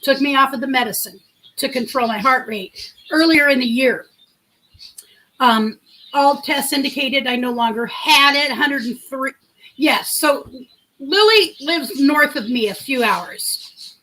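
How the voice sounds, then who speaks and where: Telling a meandering story while answering her chat, a middle-aged livestream host speaks a little slowly in a big, high, sharp-toned voice. The audio is poor.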